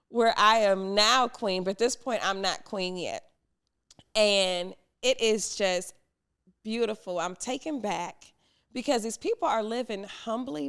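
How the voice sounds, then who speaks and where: Animated gravelly-voiced woman telling a story. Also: mid-range voice. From United States. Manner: animated, acts out quoted people, laughs often. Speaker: podcast host. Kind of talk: storytelling podcast monologue.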